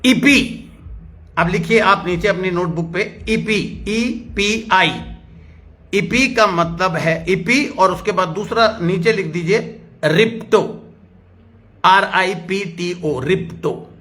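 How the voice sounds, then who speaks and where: A middle-aged man with an Indian accent preaching a sermon, spelling out words slowly like a teacher and mixing in English phrases. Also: high-pitched, sharp tone. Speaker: pastor.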